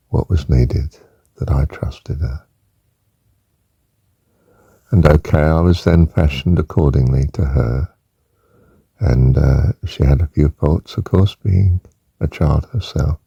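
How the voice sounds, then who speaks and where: An older man gently talking through a reflective monologue with rambling asides and soft fillers. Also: rumbling low, creaky, breathy edge, no echo. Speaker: personal reflection speaker. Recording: muffled lo-fi recording.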